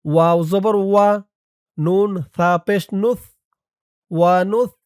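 A man with a Bangladeshi Bengali accent teaching a prayer in an Arabic lesson, spelling out each letter and vowel mark and then reciting the words slowly and drawn out. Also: high voice, a little mellow, smooth, no echo, clean studio sound. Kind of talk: slow syllable-by-syllable recitation lesson.

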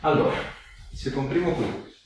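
In an indoor treatment room, a male chiropractor with a medium-pitched voice speaks at a moderate pace, giving a patient short, reassuring instructions and questions during a hands-on exam. The room is very echoey, the mic is distant, and there's faint noise.

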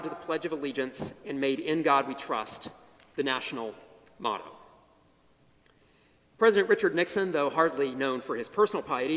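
A middle-aged man delivers an academic history lecture from a podium on a large chapel stage, measured in pace. His phrases open emphatically and fall to low endings, his tone a bit bright, picked up by a podium mic with long hall reverb.

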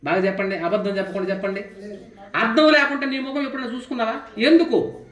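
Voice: mid-range voice, quick pace, a bit bright. A spiritual teacher giving a devotional discourse, often putting questions to the listeners and telling folk parables. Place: ashram hall. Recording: roomy hall echo.

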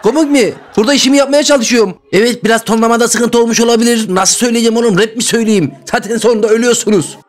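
A man playing a comic grumbling character over Roblox gameplay, excitable and often shouting. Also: very high voice, rapid-fire, hardly any pauses. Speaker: gaming YouTuber.

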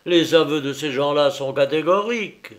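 A man's voice: on the high side, moderate pace, lightly acted. A man putting on a blustering minister. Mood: irritated. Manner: loud, haughty, curt. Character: blustering impatient male government minister.

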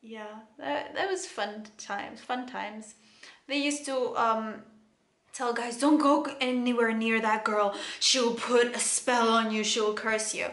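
A young woman from Cyprus with a Greek Cypriot accent, chatting casually to camera in an animated, laughing way from a bedroom. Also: fairly high pitch, slow pace. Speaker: vlogger. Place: bedroom, indoors. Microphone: camera in front, close framing. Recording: echoey room with faint music.

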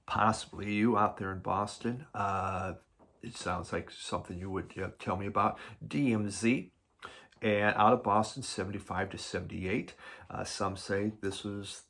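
Low gravelly-voiced man chatting about records. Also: fairly bright tone. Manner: rambling, filler-heavy, enthusiastic about records. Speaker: record collector vlog host. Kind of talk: casual album review chat.

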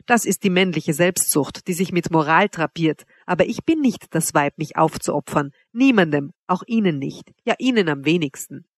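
A woman's voice: on the low side, expressive, normal speed, few pauses, no echo. A woman reading an audiobook, voicing a haughty young noblewoman who teases her suitor with cool mockery. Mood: cold. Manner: teasing, coolly mocking. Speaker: princess Wanda.

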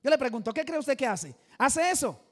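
Very high-voiced man preaching emphatically. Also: very animated, brisk, fairly bright tone. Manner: emphatic, quizzes the congregation and calls for answers. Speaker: evangelist preacher. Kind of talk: evangelistic sermon to a congregation. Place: church service before a live audience.

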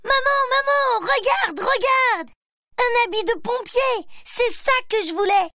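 A woman doing an excited little bear cub. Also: slow, exaggerated voice. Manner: high, excited childlike voice.

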